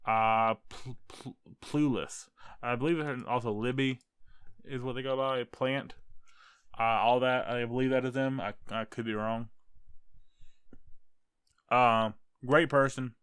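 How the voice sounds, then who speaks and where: A man's voice: mid-range voice, steady tone, measured pace, pauses often, a bit bright, smooth, dry recording, studio quality. A young American man casually ranking fellow creators, rambling and joking as he goes. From United States. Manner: rambling, self-correcting, jokey. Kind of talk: casual tier-list commentary.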